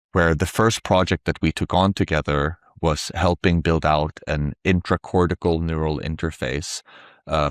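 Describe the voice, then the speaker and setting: Speaking with an extremely low pitch, a tech company founder from Sweden talks as an interview guest. The middle-aged native Swedish speaker explains his points conversationally and thoughtfully. The sound is dry and clean, like a studio.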